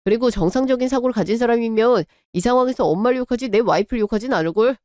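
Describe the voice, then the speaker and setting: Apologetic young husband played by a woman, lowered voice, radio drama, dry sound. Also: racing, a little mellow, no room sound, natural voice. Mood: firm. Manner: pleading, apologetic. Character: young husband, apologetic, torn by his mother.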